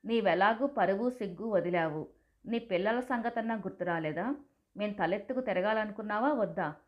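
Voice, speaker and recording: A grown son boils over with rage, his speech loud, harsh and full of scorn, as a woman storyteller puts him on. The sound is a touch dull and lo-fi. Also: medium pitch, normal speed, natural voice. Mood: furious, scornful. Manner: shouting, accusing.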